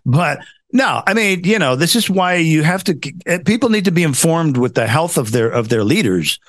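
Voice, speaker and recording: Male American talk host, fairly high and animated, dry close sound, sarcastic exasperated political ranting. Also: moderate pace, no echo. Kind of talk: casual political commentary.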